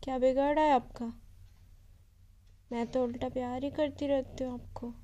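A woman vlogger talking to her pet in a coaxing, gently scolding baby-talk manner. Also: high voice, steady tone, moderate pace, dull audio. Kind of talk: casual vlog talk to a pet.

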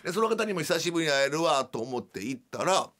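A man's voice: fairly high pitch, fast. Chatty Kansai-accented radio host, man. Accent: Kansai Japanese. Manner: chatty, animated, self-mocking. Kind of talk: casual storytelling monologue.

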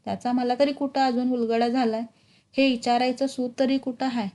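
A woman's voice: fairly high pitch, little pitch movement, normal speed, mellow, natural voice. A woman voicing a male village schoolteacher who asks puzzled questions in rustic speech.

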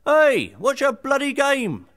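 A man voicing an indignant male devil who rants in a high, strained shout. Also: sing-song, slow, full character voice. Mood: furious.

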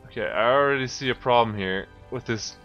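A man's voice: medium pitch, brisk, muffled recording, faint music behind. A man giving casual gameplay commentary, talking to himself and exclaiming as he plays. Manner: excitable, exclaiming, talks to himself. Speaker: video game player commentator.

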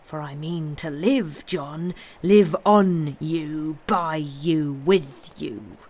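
A man's voice: on the high side, steady tone, moderate pace, natural voice. Reader doing Maurice, a vengeful gloating man. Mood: menacing. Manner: menacing, gloating, forceful. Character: vengeful man returned after twenty years.

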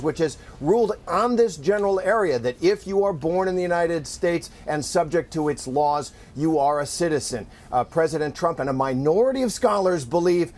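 A middle-aged man reporting live outdoors at night as a news correspondent, in an earnest, measured way. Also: fairly high pitch, a little mellow, a little hiss or hum.

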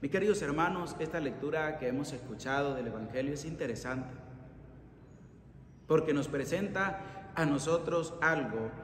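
A middle-aged priest preaching with earnest emphasis, his voice rising on the warnings. It sits a little higher than most men's and rings through a church with long reverb. A faint ambience hangs underneath. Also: a little hiss or hum. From Venezuela. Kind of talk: sermon. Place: church chapel by an ornate altar. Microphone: fixed camera at mid distance.

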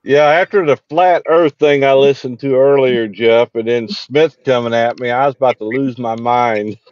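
A man's voice: medium pitch, normal speed, a little mellow, no room sound. A man from St. Louis with an Appalachian-like hillbilly American accent, chatting casually in a folksy, plain-spoken way. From St. Louis, United States. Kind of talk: casual panel chat. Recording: dull lo-fi online call, instrumental music behind. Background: guitar playing.

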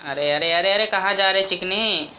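A man giving casual, jokey gameplay commentary as a gaming YouTuber, talking excitedly to his viewers. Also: high-pitched, moderate pace, a little hiss or hum. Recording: game music clearly behind voice.

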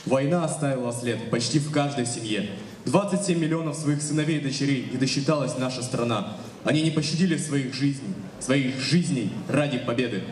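A man's voice: mid-range voice, brisk, recorded from a distance. A young man reading a scripted commemorative narration solemnly and formally as a ceremony presenter. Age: young adult. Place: stage of a hall. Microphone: microphone on stand through hall speakers. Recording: echoey hall from afar, faint noise.

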